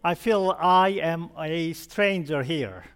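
Speaking slowly in a fairly high, somewhat bright voice with a clear, resonant tone, a middle-aged pastor from South Korea preaches with a Korean accent. His conversational sermon is humorous and chatty, and he asks the congregation questions.

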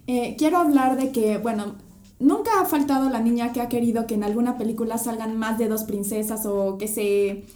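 A woman's voice: on the high side, dark tone. A young woman hosting a casual podcast, explaining topics and putting questions to the group. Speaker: podcast host. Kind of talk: casual chat. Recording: echoey room.

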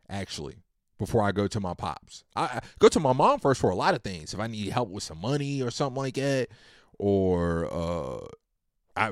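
A man in his late twenties from Virginia delivers a long, casual monologue about his family, rambling, laid-back and full of slang. His voice is lowish, and the recording is studio quality, with no room sound.

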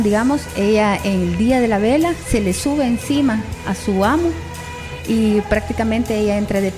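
A woman with a Salvadoran Spanish accent giving an informal spoken book summary as a guest, haltingly searching for words. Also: medium pitch. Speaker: library guest recommending a book.

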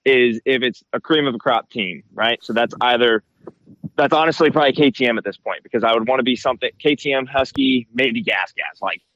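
A man's voice: medium pitch, fairly quick, a bit bright, no room sound. A man giving casual, slangy interview answers as a racer, often checking in with "right?", talking through headphones used as a mic. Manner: informal, slangy, frequent check-in tags like "right?" and "you know". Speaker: motocross racer being interviewed. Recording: slightly dull, dry headphone-mic sound.

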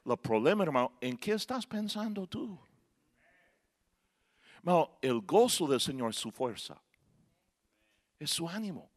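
A middle-aged man preaching a sermon, moving from quiet talk to shouted passages and acting out voices. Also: a little high, big pitch swings, measured pace, pauses often. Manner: acts out voices and jokes with the congregation. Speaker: pastor.

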